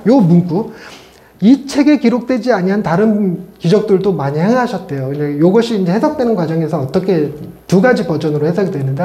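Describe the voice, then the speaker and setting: A middle-aged male pastor preaching a sermon, chatty and animated, with playful asides to his congregation. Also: high voice. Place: church sanctuary. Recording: echoey church hall.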